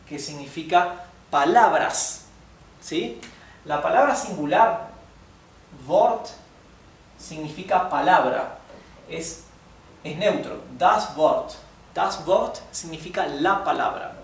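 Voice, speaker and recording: A man teaching German grammar in Spanish, slowly pronouncing the words and checking in with his class. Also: on the high side, gravelly. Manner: checks in often with "¿sí?" and "¿bien?"; slow, careful demonstrations of German words. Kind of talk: classroom lesson explaining grammar. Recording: echoey room, mic some distance off, faint noise.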